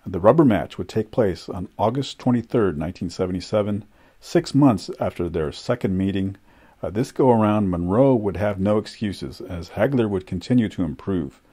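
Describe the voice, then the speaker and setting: A man's voice: fairly low pitch, lively intonation, moderate pace, dark tone, breathy edge. A man narrating boxing history from a script as a documentary narrator.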